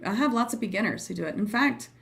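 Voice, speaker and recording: A woman talks casually to her livestream viewers as their teacher and host. Her voice sits at an average pitch for a woman, and her manner is informal, effusive and prone to giggles. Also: animated, quick pace, vocal fry, a bit bright. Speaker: host and trance channeling teacher.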